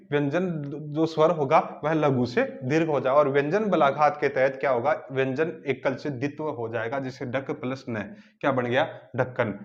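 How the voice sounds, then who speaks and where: A man teaching a grammar lesson who asks rhetorical questions and spells words out slowly, piece by piece. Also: on the high side, muffled recording. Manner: asks the class rhetorical questions then answers.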